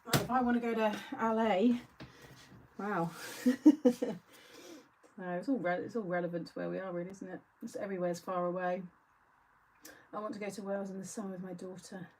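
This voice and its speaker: A woman's voice: mid-range voice, steady tone, normal speed, pauses often, darkish tone, slight background noise, low-quality recording. A woman hosting a live craft-along, chatting casually and answering viewer comments as she works. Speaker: craft show host.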